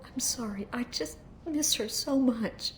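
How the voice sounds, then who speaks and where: A woman's voice: on the high side, a little slow, a little hiss or hum, natural voice. A woman playing a despairing middle-aged mother grieving her murdered daughter in a game, speaking sadly with tearful sighs. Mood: sad, sighing. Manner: sad, sighing, tearful. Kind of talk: game voice acting, dramatic dialogue.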